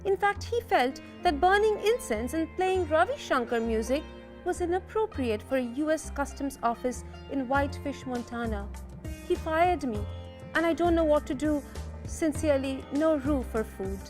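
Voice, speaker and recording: A smug spiritual guide voiced by a woman doles out advice in a high, slow, mock-soothing voice. Faint music plays beneath her. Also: animated. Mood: serene. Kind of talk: sketch comedy.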